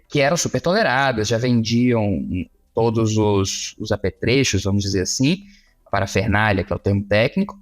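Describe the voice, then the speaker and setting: A man, a lawyer guest explaining at length and pausing to find his words. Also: mid-range voice. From Minas Gerais, Brazil. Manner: measured, explanatory, searching for words. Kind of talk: interview guest.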